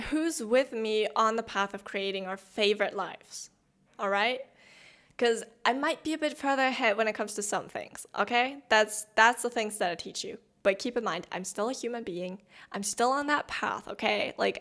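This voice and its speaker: A woman's voice: medium pitch, fairly bright tone. A woman hosting her own channel as a spiritual coach, talking to camera in a chatty, rambling and earnest way, full of fillers. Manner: earnest and heartfelt. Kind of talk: casual direct-to-camera vlog.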